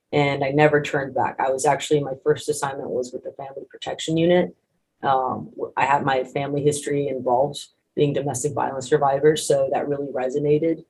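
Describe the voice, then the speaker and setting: A man in his thirties, a native Spanish speaker, talks about his path into prosecution in an earnest, conversational manner. His voice is husky and he keeps his intonation fairly flat. He often restarts his sentences as he goes. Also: mid-range voice, rough recording. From grew up in Mexico. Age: 30s. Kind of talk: panel talk, personal story.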